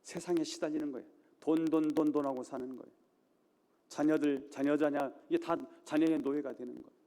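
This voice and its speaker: A man's voice: fairly high pitch, steady tone, brisk, mellow. A man preaching a sermon in a church, emphatic, with repeated phrases and rhetorical questions. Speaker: pastor. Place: church sanctuary. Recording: reverberant church hall.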